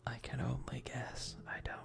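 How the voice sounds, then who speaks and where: At a moderate pace, a soft-spoken ASMR host rambles through a casual livestream chat. Her breathy delivery often fades to a whisper, and she hesitates a lot, joking at her own expense.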